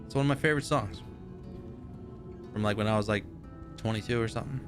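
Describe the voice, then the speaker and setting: Man, thirties, slightly low voice, rambling casual gamer chat, swears, faint music behind. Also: fast. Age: 30s. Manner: rambling, joking, swears freely. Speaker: streamer. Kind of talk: casual live gameplay chat.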